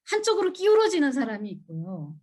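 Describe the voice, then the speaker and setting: A woman's voice: huge pitch swings, fast, a little mellow. A middle-aged woman giving a church seminar lecture, emphatic and asking the audience questions. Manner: acts out children and parents in high voices.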